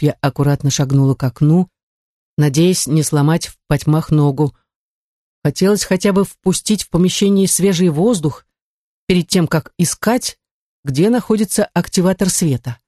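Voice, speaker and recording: A woman's voice: on the low side, warm tone, dry recording, studio quality. A woman reading an audiobook in the first person, with a wry, ironic storytelling manner. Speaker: audiobook narrator.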